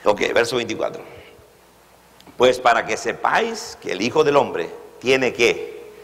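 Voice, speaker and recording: Lively preaching man in a reverberant hall. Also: mid-range voice, measured pace. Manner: preaching with call-and-response questions to the congregation. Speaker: pastor. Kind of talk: sermon.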